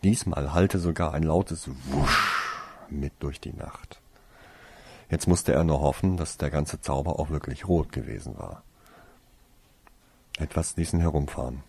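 A man narrating a fantasy story in a measured, hushed way. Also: extremely low pitch, gravelly, husky.

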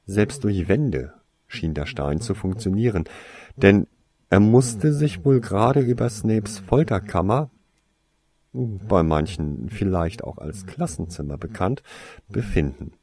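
A man narrating a story in a measured, expressive reading. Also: lowish voice. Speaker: audiobook reader.

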